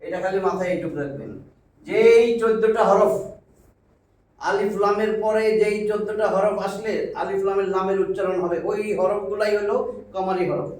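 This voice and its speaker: A man's voice: sits high, fairly even intonation, moderate pace, a little mellow. A man teaching a Quran reading class. He speaks, talks patiently, repeats words and keeps asking if the class understands. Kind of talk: classroom lesson at a whiteboard. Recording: echoey room, mic far off.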